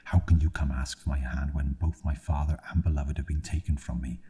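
A man's voice: rumbling low, fairly even intonation, brisk, warm tone, husky, heavily acted. A man voicing a confident young farm woman in ASMR storytelling, speaking firmly. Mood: defiant.

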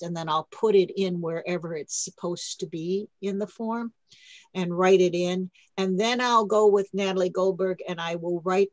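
A woman with a lowish voice leads a poetry workshop in a chatty, thinking-aloud way, often restarting her sentences. Her voice is picked up dry and close, with almost no room sound, through a computer mic on a video call. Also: no room sound, rough recording. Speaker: poet leading a writing workshop. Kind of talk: casual teaching talk.

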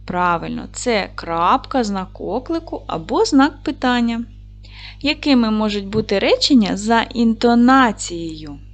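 A primary school teacher records a lesson for young children, patiently encouraging them and asking questions she then answers herself. Her voice is fairly high and expressive, and she speaks a little slowly.

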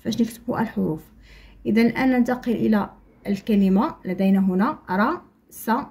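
A young Moroccan woman teaching young children to write letters, slowly stretching out syllables and repeating them for the class to copy. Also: medium pitch, a little mellow, slightly rough. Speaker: primary school teacher. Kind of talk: slow, patient handwriting lesson for young children.

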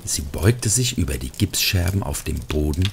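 A middle-aged man narrates a scripted Christmas storybook at a moderate pace in a gravelly voice, with background noise audible. He is gentle and hushed, sometimes dropping to a whisper, then swings into lively character voices that rise high for quotes.

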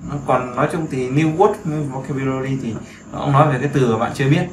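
Man, teacher, casual beginner lesson, repetitive and chatty, medium pitch, echoey room. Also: quick pace. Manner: chatty, repeats phrases, seeks agreement. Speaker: English teacher. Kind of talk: casual screen-share lesson. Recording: echoey room with faint background noise.

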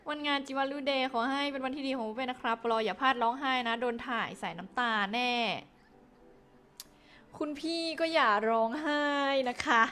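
Playful young woman game streamer. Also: sits high. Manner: playful and teasing, laughing often; excitable, repeating words quickly. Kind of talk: casual livestream chat, reading viewer messages.

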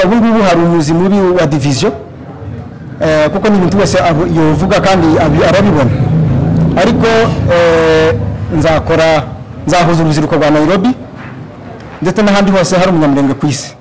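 High-voiced young man giving a campaign speech. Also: background noise. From Congo. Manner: halting, with many fillers and restarts. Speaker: candidate for youth leadership. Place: large plain hall, indoors. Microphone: stand mic.

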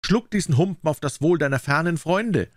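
A man's voice: a little high, expressive, normal speed, dry recording, voice pushed up, close to an everyday voice. A cruel, boisterous tyrant king, as a male narrator puts him on, bellowing his mockery in a raised, strained voice. The storybook reading is recorded dry and close. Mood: mocking. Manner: bellowing, mocking. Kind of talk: audiobook character voice.

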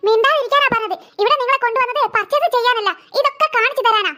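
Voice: very high-pitched, quick pace, bright, forceful tone, slight background noise. A voice actor playing a stern mother in a cartoon who scolds her daughter and refuses to buy anything on a trip. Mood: scolding. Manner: scolding, nagging. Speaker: cartoon character. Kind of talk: cartoon voice acting.

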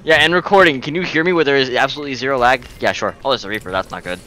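A man's voice: mid-range voice, very fast, bright, forceful tone. A young man in casual gaming banter, a mocking, hyped gamer bro who swears and fires off repeated words. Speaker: gamer, co-player.

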